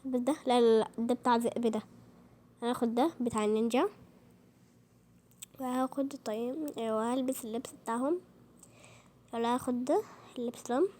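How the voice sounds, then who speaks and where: A woman with an Egyptian Arabic accent, narrating a game role-play in a playful, animated way and voicing its characters in formal Arabic. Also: a little high, brisk, pauses often. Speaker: channel host.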